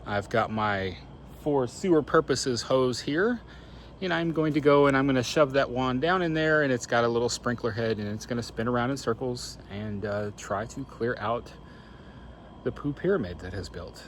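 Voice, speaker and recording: A man's voice: mid-range voice, moderate pace. Casual man vlogging, with some background noise. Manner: informal, self-narrating, thinking aloud. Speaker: RV living vlogger. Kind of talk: casual first-person vlog chat while doing chores.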